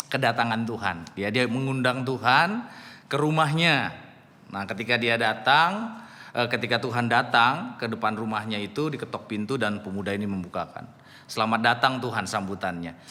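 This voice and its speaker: A man's voice: medium pitch, sharp tone, big-room sound. A man preaching a youth sermon as a pastor, telling a story and addressing the young listeners directly with emphatic rises.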